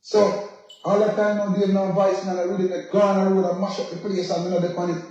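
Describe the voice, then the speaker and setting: A man's voice: sits high, level tone, fast, mellow, dull audio. A man with a Jamaican accent casually telling stories as a radio interview guest, slipping into patois and checking that the listener follows. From Jamaica, left as a youth. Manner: patois-laced, often checks the listener understands. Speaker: dancehall singer, interview guest. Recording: very echoey, roomy sound.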